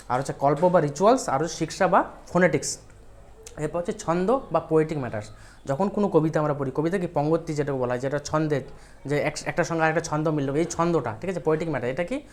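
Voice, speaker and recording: Woman teacher, Bengali accent, quick delivery, exam-prep lecture, asks checking questions. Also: sits low, darkish tone. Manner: explains step by step with repeated checking questions.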